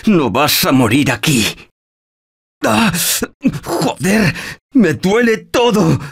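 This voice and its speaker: In a video game, a Castilian Spanish-accented man plays a nervous ordinary survivor of a zombie apocalypse. His husky voice sits fairly high and is exaggerated, emotive and full of slang, sounding weary and desperate.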